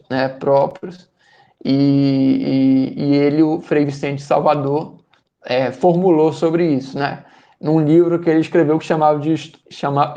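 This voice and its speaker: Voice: mid-range voice, gravelly, warm tone, lo-fi sound. A speaker with a Brazilian accent summarizing a book for a study group, hesitant, with many fillers and repeated words.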